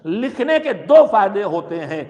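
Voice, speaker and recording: A man preaching to a gathering with a high voice and a lingering hall echo. He exhorts his listeners and poses rhetorical questions, pressing his points with shifting emphasis. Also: sing-song, a little mellow. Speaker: cleric giving a majlis address. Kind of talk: sermon. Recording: long hall reverb.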